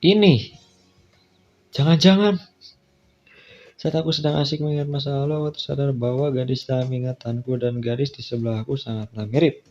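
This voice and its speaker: This Indonesian-accented content creator reads visual novel lines during a casual let's play, adding off-the-cuff colloquial remarks. He speaks at normal speed with frequent pauses, in a mid-range, fairly even and slightly mellow voice. Behind the dull, lo-fi audio, game music plays faintly.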